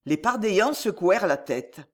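An audiobook narrator reads a swashbuckling novel with dramatic expression. The pitch moves widely, rising and falling with each turn of the action. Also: animated, normal speed.

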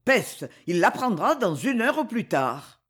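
A man's voice: sits high, very animated, unhurried, fairly bright tone, slightly rough, full character voice. A man reading the part of an eager, timid male dwarf servant in an audiobook, talking in a flustered way. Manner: flustered, stammering.

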